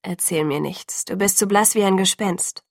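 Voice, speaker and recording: A woman voicing a gentle, teasing young male vampire in a soft, low, amused tone in an audiobook. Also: normal speed, no room sound, clean studio sound, natural voice.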